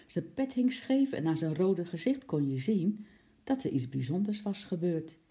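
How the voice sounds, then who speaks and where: Een verteller leest een kinderboek voor, levendig en expressief. De stem is heel donker, zacht en warm van klank. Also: medium pitch, moderate pace. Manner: lively, expressive reading. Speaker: narrator. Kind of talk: storybook reading.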